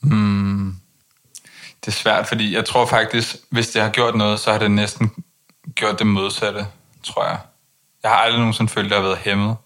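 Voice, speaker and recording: A young man speaking in a monotone, low-key way with many hesitant restarts, talking candidly as an interview guest. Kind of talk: candid personal conversation.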